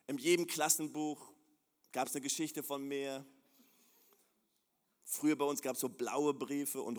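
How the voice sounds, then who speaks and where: A man preaching a sermon as pastor, moving between hushed prayerful passages and loud, climbing emphasis, repeating phrases in a building rhythm. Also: mid-range voice. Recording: long hall reverb.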